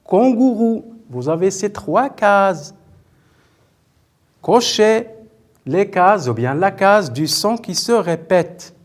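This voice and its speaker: A man's voice: sits high, lively intonation, slow pace, long pauses. Guy teaching little kids on tv, voice swoops up and down a lot, keeps saying très bien and asking questions. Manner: patient, repetitive, stretches out words syllable by syllable; questions and praises pupils often. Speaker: primary school teacher. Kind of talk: televised classroom lesson.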